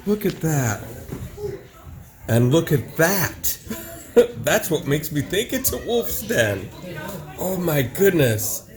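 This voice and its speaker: Slow and pausing often, a travel channel host lets his mid-range voice swing widely in pitch as he casually marvels at animal sightings. Music sits behind his narration.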